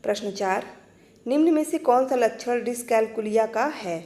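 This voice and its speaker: A woman teacher explaining exam-prep material in a clear, patient way, restating each point. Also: fairly high pitch, measured pace, dark tone.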